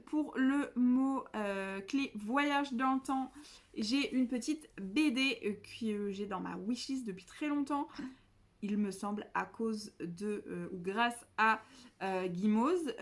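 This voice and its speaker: A young woman chatting casually as a book vlogger, self-mocking and rambling, with many fillers and restarts. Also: mid-range voice. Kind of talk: casual chat.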